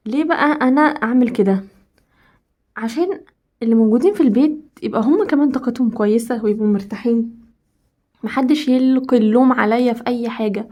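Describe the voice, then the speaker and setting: A woman's voice: a little high, muffled recording. A woman with an Egyptian accent giving emphatic, casual home advice to women and repeating points for stress. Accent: Egyptian Arabic.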